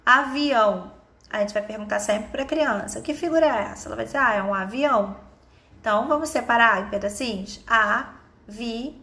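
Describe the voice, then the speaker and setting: A woman with a Brazilian Portuguese accent teaching an online lesson, explaining step by step and drawing out example words slowly. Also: medium pitch, pushed and bright. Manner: patient, explains step by step with many "né?" and "tá?". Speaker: teacher of a course.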